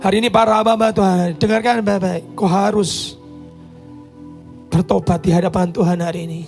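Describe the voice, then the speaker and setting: A man preaching a fervent sermon, storytelling and then pleading, rising into shouts at times. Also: high voice, fairly even intonation, moderate pace, vocal fry, soft background music.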